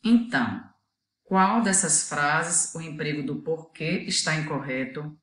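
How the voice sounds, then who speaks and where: A woman's voice: low-pitched, a little slow, echoey room. A woman teacher with a Brazilian Portuguese accent gives a video lesson, explaining patiently and asking the students to think.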